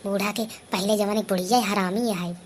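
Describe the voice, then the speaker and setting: A comedy voice artist with an Awadhi accent plays a put-upon young daughter-in-law in scripted cartoon dialogue, grumbling and tossing in mocking asides. Her mid-range voice is brisk with fairly even intonation, and faint noise sits behind it.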